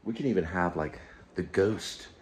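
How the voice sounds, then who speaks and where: A YouTube show host and amateur writer gives casual solo commentary in a low-pitched voice at normal speed, with steady room noise in the background. He rambles and hesitates, often circling back to repeat himself.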